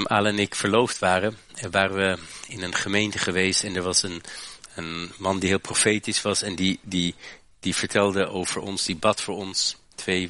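A man from Western Europe preaching a sermon, often restarting and tagging phrases with a quick "hè". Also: low-pitched, pushed and bright, dry recording. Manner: preaching with frequent "hè" and repeated restarts. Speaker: pastor.

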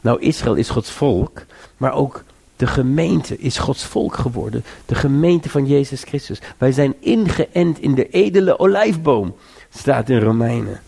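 Male preacher, husky gravelly voice, earnest repeated appeals, sermon delivery. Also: lively intonation, unhurried, dark tone. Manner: earnest exhortation, repeats and rises in pitch to urge listeners.

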